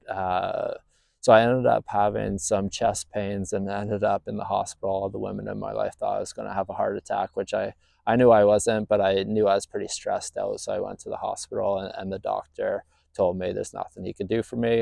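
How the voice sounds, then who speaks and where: A man's voice: on the low side, flat delivery, moderate pace, creaky, warm tone, no room sound. A man in his thirties from Northern Ireland telling his story as a business owner, plain-spoken with lots of fillers. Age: 30s. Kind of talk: casual personal story to camera.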